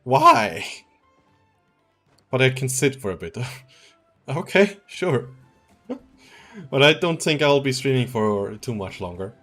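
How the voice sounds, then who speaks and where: A man's voice: medium pitch, sing-song, slow pace, long pauses, fairly bright tone, soft background music. Laid-back young guy from Switzerland. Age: 20s. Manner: rambling, laid-back, chuckles often. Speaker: game streamer. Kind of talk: casual stream chat. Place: at home.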